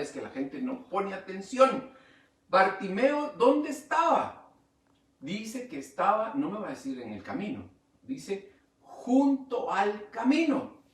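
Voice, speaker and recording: A man pastor preaching a sermon, swinging from quiet asides to loud emphatic rises. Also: a little high, echoey room, far from the mic. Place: church.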